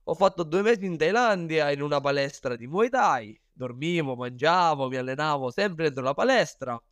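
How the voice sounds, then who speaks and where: A man with a Sicilian accent and a smooth, slightly high voice tells his own story as an interview guest. He talks in a casual, colloquial, self-deprecating way, recorded close and dry. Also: animated, normal speed, dry recording. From Sicily, Italy. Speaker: interview guest, professional Muay Thai fighter.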